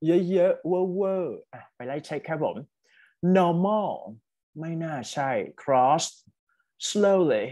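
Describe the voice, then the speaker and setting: A man with a Thai accent and a somewhat high, darkish voice teaches an online test-prep English class. He explains in Thai, sprinkles in English words, and urges students to type their answers.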